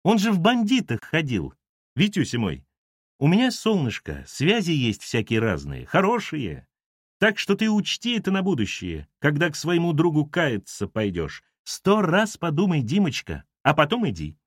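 A man's voice: on the high side, wildly swooping pitch, moderate pace, slightly rough, no room sound, studio quality, pitched above the performer's own voice, full character voice. A man voicing a widow who coos endearments while making veiled threats. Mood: menacing coo. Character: sweetly menacing widow, coaxing and threatening.

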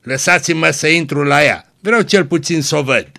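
A half-drunk, lovesick young man from a read-aloud story, voiced by a man. He pushes insistently, then turns meek and gentle, in a bright, forward voice. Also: fairly high pitch, creaky.

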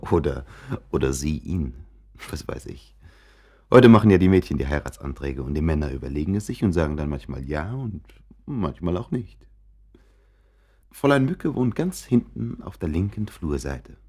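A man in a radio play voices a chatty, confiding narrator giving listeners a tour of an apartment, musing and cutting in on himself with asides. His voice is rumbling and low, animated, somewhat mellow and husky, exaggerated, at a normal speed, with an amused, musing mood.

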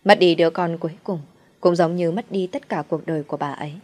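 A woman tells a dramatic family story in the first person, calm and measured. Her voice sits on the low side. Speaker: narrator.

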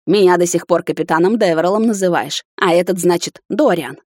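A woman's voice: lowish voice, brisk, a little mellow, dry recording, clean studio sound, lightly acted. A woman voicing a huge, jealous male captain who growls his threats. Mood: furious.

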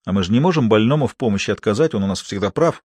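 Husky-voiced man narrating wryly. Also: lowish voice, animated, racing, a little mellow, no room sound. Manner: dry, ironic storytelling. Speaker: audiobook narrator. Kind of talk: first-person story narration.

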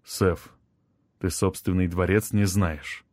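Man playing a sardonic companion, dry clipped remarks, slightly lowered voice, dry recording. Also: steady tone, takes it slowly, a little mellow, no room sound.

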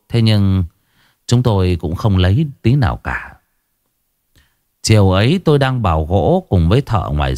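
A man narrating a ghost story in the first person with expressive, rising and falling delivery. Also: deep voice, no room sound, clean studio sound.

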